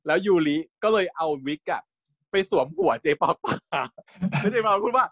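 Man, co-host of a casual review chat; animated delivery, dry close sound. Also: high voice, normal speed, no room sound. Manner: lively, chatty, laughs often, addresses viewers directly.

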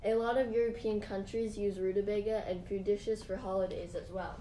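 A woman's voice: mid-range voice, steady tone, brisk, warm tone, slight background noise, natural voice, poor audio. A woman playing an earnest talking rutabaga. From Sweden. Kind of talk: mock interview role-play.

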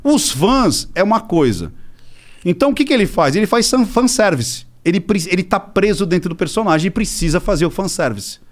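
A middle-aged man with a Brazilian accent tells a story as a podcast guest. His voice sits high and swings widely in pitch. He acts out the people he quotes and swears freely. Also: lively intonation, a little fast. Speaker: podcast guest, body-language specialist. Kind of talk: casual storytelling.

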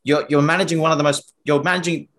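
A man's voice: on the high side, steady tone, fast, fairly bright tone. A man discussing football in a casual panel chat, often restarting and repeating words.

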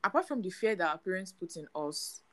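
A woman's voice: fairly low pitch, sing-song, brisk, a bit bright, rough recording. A young woman co-hosting a casual podcast chat, talking in a chatty, storytelling way. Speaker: podcast co-host.

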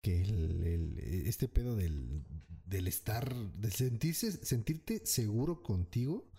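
A man with a Mexican accent co-hosting a casual podcast, talking in an animated way and acting out the lines he quotes. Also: on the low side, slow, husky. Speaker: podcast co-host.

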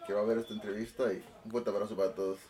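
A man in his twenties from Oaxaca with a Mexican Spanish accent, chatting relaxed and laughing in an interview about his music. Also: fairly low pitch, rapid-fire, recorded from a distance. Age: 20s. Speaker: guest musician, band director. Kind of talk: casual interview chat.

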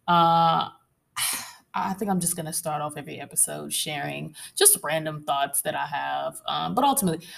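Low, creaky-voiced woman hosting a podcast. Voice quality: sultry. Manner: conversational, expressive, with drawn-out emphatic words. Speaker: podcast host. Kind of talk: casual, candid solo podcast monologue.

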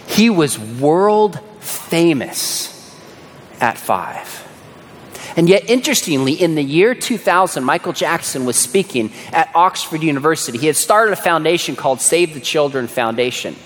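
A man preaching a sermon as a dramatic storyteller, who drops to a hush on key words. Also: on the high side, lively intonation, a little slow, slight background noise. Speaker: pastor. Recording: echoey hall.

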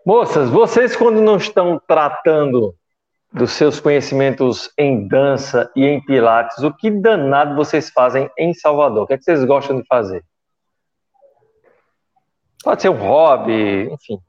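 A man's voice: mid-range voice, lively intonation, unhurried, a little mellow. Guy hosting, jokey and playful, kinda dull lo-fi sound. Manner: playful, joking. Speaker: host. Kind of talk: casual conversation.

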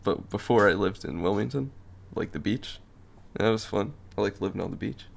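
Teenage boy, from North Carolina, deep gravelly voice, relaxed, joking podcast guest. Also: brisk. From North Carolina, USA. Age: teens. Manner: laid-back, joking, laughs often. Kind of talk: casual chat.

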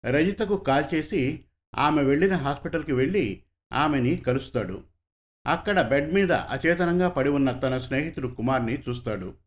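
A man narrating an audio serial story in a steady, measured reading. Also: mid-range voice.

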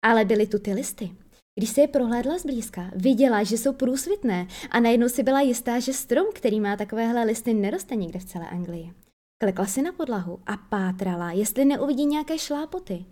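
A woman reads a children's storybook aloud, lively and storytelling. Her voice is soft and mellow, sitting a little high, and she now and then trips over a word. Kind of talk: storybook reading.

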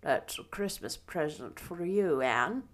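A woman as a shy, low-voiced older man. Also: animated. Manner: hesitant, halting, repeating words. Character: shy, gentle older man of few words. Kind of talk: storybook narration character voice.

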